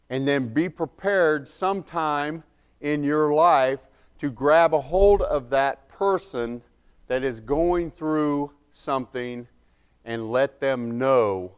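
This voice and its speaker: Slow, clear-voiced male preacher. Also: mid-range voice. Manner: earnest, emphatic, with pauses and self-corrections. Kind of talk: sermon.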